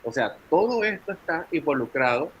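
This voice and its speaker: A man's voice: on the high side, big pitch swings, normal speed, highs cut off, slight background noise. A man with a Panamanian Spanish accent leading a teacher training session, explaining at length and calling on participants by name. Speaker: workshop facilitator.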